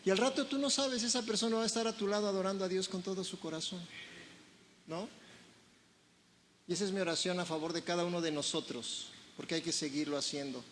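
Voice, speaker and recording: Mexican preacher, lively and joking, leads the crowd in shouted responses; high voice, faint hiss behind. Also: male voice, fast talker. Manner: animated preaching with jokes and shouted call-and-response. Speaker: pastor. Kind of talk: sermon. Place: church sanctuary. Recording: reverberant hall, faint noise.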